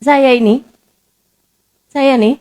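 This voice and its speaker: A woman's voice: high voice, fairly even intonation, very slow, darkish tone. A woman preacher giving a casual, conversational sermon, full of repetition and rhetorical questions. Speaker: Islamic preacher.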